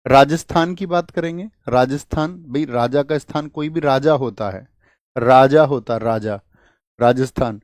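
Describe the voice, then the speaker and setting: A man's voice: mid-range voice, measured pace, darkish tone, no echo. Hindi-speaking male coaching teacher, dry close sound. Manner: asks the class questions and answers them himself, repeats key words. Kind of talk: online lecture with memory tricks.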